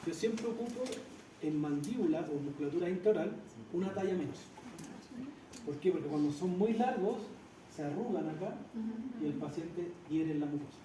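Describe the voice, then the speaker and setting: A man's voice: fairly high pitch, lively intonation, moderate pace. A man instructor, leading a hands-on practical class demonstration and explaining step by step while checking in with his students. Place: practice room with a treatment table. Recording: echoey room with loud background noise.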